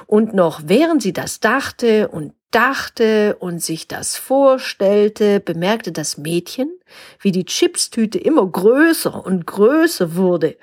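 A woman narrating a gentle story for her podcast, in a calm storytelling way. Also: medium pitch, slightly rough.

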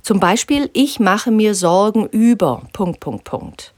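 A woman teaching a guided spiritual lesson, calmly instructive and sometimes dropping to a soft whisper. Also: mid-range voice, a little slow, no room sound, clean studio sound. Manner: calm, gently instructive, drops into soft whispers. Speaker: spiritual teacher guiding an exercise.

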